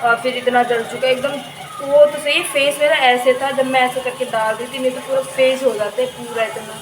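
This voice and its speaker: A woman's voice: sits high, steady tone, moderate pace, noisy background. A young woman chatting casually to viewers in a home vlog, laughing often, and later sounding tired and unwell. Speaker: vlogger. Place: indoors and in yard of a home.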